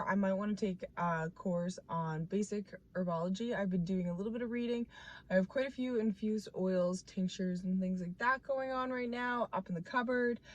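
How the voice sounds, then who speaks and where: A woman's voice: fairly low pitch, a little mellow. Rambling young woman thinking aloud. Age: 20s. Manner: rambling, thinks aloud with many fillers and restarts; playful, self-mocking. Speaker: vlogger. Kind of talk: casual chat to camera.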